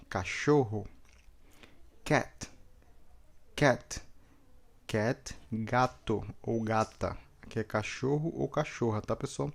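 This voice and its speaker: A man's voice: on the low side, darkish tone. A man teaching English vocabulary to Portuguese speakers, repeating each word several times and checking in with the class after each one. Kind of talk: vocabulary lesson with repetition drills.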